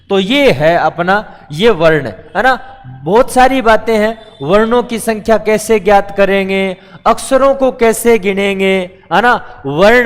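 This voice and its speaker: High-voiced man teaching grammar live. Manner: patient, explains step by step, calls students beta; repeats questions and answers them himself. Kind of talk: live online class. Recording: long echo of a reverberant room.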